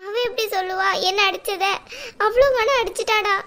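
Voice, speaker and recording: A woman voicing a scheming middle-aged mother-in-law in a cartoon, sharp-tongued and prone to dramatic wailing. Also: very high voice, lively intonation, fairly quick. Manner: scolding, then wailing dramatically. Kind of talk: cartoon dubbing.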